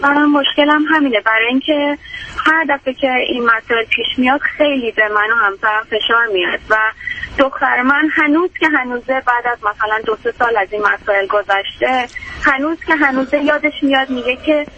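A man's voice: very high voice, pushed and bright. A man calling into a radio advice show, earnestly describing his family troubles at length. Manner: earnest, lists grievances at length. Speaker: caller. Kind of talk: call-in talk. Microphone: telephone. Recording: dull phone line with faint noise.

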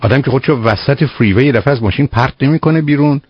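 A man hosts a call-in advice show on the radio. He counsels a caller emphatically and keeps calling her "dear". His voice is at a middle pitch, recorded dry, with dull, muffled radio sound. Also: husky, no room sound.

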